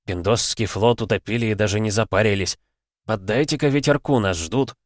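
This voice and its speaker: A man voicing a cocky male warrior who speaks quietly and mockingly. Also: fairly low pitch, brisk, no echo, clean studio sound, lightly acted.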